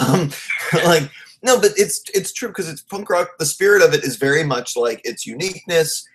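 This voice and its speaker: A man's voice: a little high, moderate pace, fairly bright tone. A man in his late twenties hosting a podcast interview, rambling and loose, laughing often in casual chat. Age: 20s. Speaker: podcast host.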